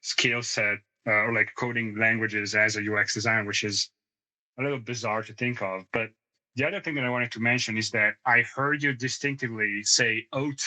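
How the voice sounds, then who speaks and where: A man's voice: lowish voice, fairly even intonation, brisk, bright, forceful tone, low-quality recording. A man in his thirties, co-hosting a podcast in casual conversation, who tells rambling stories, sidetracks and laughs often. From moved to the United States ten years ago. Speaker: podcast co-host.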